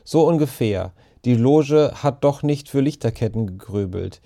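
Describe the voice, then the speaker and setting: A man doing Emma, a thoughtful, soft-spoken girl. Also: mid-range voice, animated, a little slow, gravelly.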